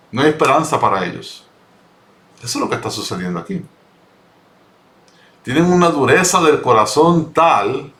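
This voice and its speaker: A man leads a Bible study, reading a passage aloud and then unpacking it with earnest emphasis. His pitch sits at a middle range, and he often repeats a word before rephrasing it. The room around him gives a noticeable echo. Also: a bit bright. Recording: roomy echo.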